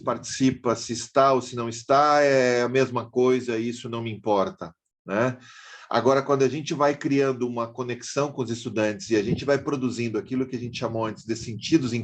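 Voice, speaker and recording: A man giving a university class, thinking aloud with many tag questions and restarts. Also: medium pitch. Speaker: university lecturer. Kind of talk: reflective online class talk.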